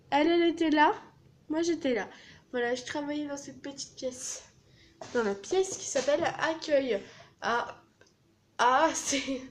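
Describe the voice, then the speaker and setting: This casual vlog features a high-voiced teenage girl cracking crude jokes and swearing a lot as she shows off her work placement in a small office. A little hiss or hum can be heard.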